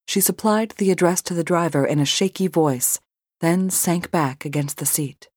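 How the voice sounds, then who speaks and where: Woman audiobook narrator, low voice, emotive measured reading, dry close sound. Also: a little mellow, no echo. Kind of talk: scripted narration.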